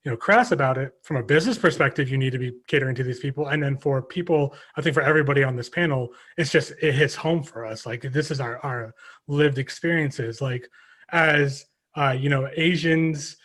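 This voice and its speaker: A man's voice: mid-range voice, a little fast, a bit bright. Reflective American man on a panel. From United States. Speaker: game developer on a panel. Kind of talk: panel discussion.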